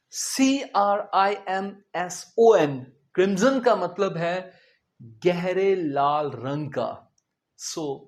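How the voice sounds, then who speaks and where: A man teaches vocabulary at an unhurried, measured pace. He spells each word out letter by letter, explains its meaning plainly, and keeps quizzing his students as he goes. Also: high voice, darkish tone. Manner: spells words letter by letter and explains them simply; addresses the students directly with questions. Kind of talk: vocabulary lesson.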